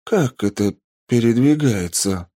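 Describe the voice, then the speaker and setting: A man voicing a mild male professor who answers in a polite, placating way, a little above his own pitch. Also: expressive, unhurried, warm tone, close to an everyday voice.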